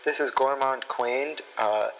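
A young man voicing a deadpan male guest who rambles through a promo for his own podcast, full of fillers. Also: medium pitch, slow, in a large hall, a little hiss or hum, low-quality recording. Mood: mock-earnest.

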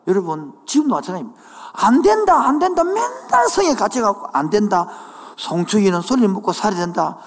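A male pastor with a Gyeongsang Korean accent preaching a sermon in a church, dropping into dialect asides and building to shouted declarations. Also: high-pitched, slightly rough. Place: church sanctuary. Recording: church hall with long reverb.

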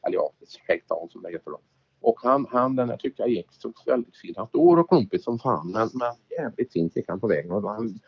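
Gravelly man telling rally stories. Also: fairly low pitch. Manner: animated anecdotes, acts out quoted exchanges. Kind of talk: casual storytelling. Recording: dull lo-fi recording.

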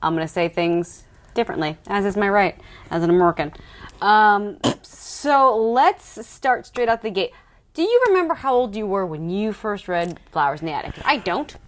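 A woman's voice: medium pitch, lively intonation, normal speed. A woman co-hosting a casual podcast recorded in an attic, chatting with joking, mock-serious asides. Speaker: podcast co-host. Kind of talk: casual chat.

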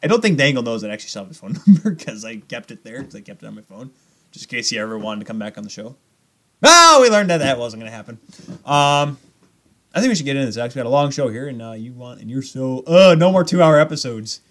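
A man's voice: mid-range voice, sing-song, fast, fairly bright tone. A man co-hosting a podcast with casual, rambling, jokey sports banter. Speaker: podcast co-host.

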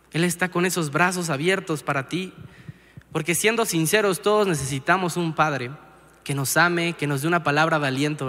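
A man's voice: sits high, pushed and bright. A young man preaching a sermon in a church, earnest and talking straight to the listener. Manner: earnest, keeps asking "¿sabes?" to the listener. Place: church auditorium. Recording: reverberant church hall.

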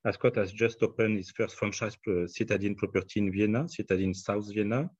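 A man's voice: fairly low pitch, a little fast, a little mellow, slightly rough, no room sound, highs cut off. A man with a French accent answering in a business interview, hesitant, with many fillers and restarts. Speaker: hospitality executive.

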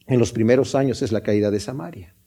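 Preaching a sermon, a man with a medium-pitched, dark voice works through a scripture passage step by step. He pauses along the way to put questions to the congregation.

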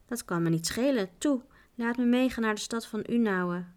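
An eager young boy, lively and pleading, with a raised, hopeful voice that keeps pushing to be let along on the trip, as a woman reading a storybook aloud puts him on. His lines rise above the reader's own tone. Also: a little high, normal speed, pitched above the performer's own voice, lightly acted.

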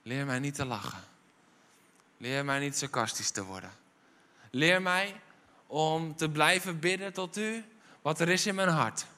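A male pastor with a Dutch accent preaching at an evening church service, hammering home repeated refrains and swinging between quiet intensity and raised urgency. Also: on the high side, animated, a little slow. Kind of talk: sermon.

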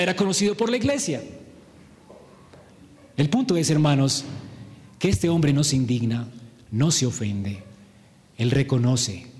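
High pitched preacher guy, dramatic pauses, long echo of a big church hall. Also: darkish tone. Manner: emphatic, with rhetorical questions and dramatic pauses. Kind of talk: sermon.

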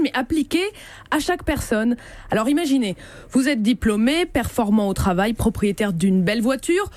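A woman's voice: on the high side, darkish tone, no room sound. A woman radio journalist delivering an explanatory news report that addresses listeners directly.

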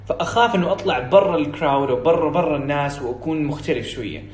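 A young man from Saudi Arabia with a Hijazi accent, coaching in an energetic, encouraging, casual teaching way. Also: on the high side, rapid-fire. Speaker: English speaking coach. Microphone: phone video story. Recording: roomy echo, faint room hiss.

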